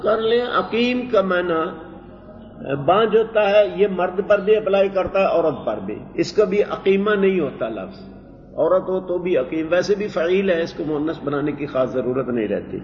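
A man's voice: high-pitched, a little hiss or hum. Man teaching in an echoey hall. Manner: explains word meanings slowly, repeats phrases. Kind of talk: Quran translation lesson. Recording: dull echoey hall recording.

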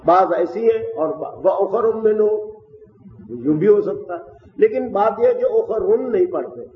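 Distant man lecturing in an echoing hall. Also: high voice. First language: Urdu. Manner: explanatory, methodical, pauses often. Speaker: teacher of Quranic Arabic grammar. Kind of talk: classroom lecture. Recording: distant, dull, roomy hall with faint hiss.

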